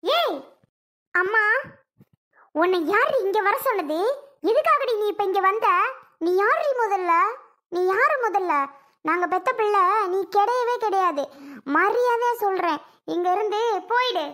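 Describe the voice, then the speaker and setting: A woman's voice: very high voice, moderate pace, pushed and bright. A woman voicing a stern mother in a cartoon family serial, harshly ordering her daughter to leave. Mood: scolding. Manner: harsh scolding, commanding.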